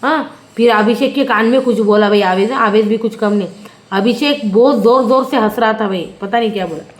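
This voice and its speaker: A woman's voice: a little high, fairly quick. A woman reviewing a reality show in a casual, gossipy, rambling way, with mocking asides. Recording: roomy echo.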